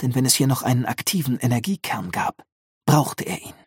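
A man reading a science fiction audiobook with calm, measured narration. His voice is a touch husky and mid-pitched, recorded close and dry with no room sound. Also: dry recording. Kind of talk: scripted narration.

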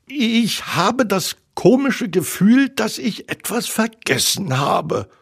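Casting: timid trembling piglet, very high and thin, voiced by a man. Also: very animated, takes it slowly, vocal fry, slightly rough, full character voice. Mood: anxious. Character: timid small male piglet, anxious.

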